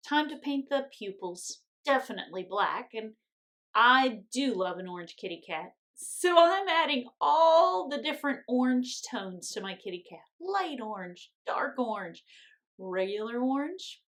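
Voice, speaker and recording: Speaking in a fairly high, slightly bright voice, a female art teacher guides children through a lesson step by step. Her pitch varies a lot, and she leaves unhurried gaps between her gentle, reassuring directions, all phrased encouragingly for young learners.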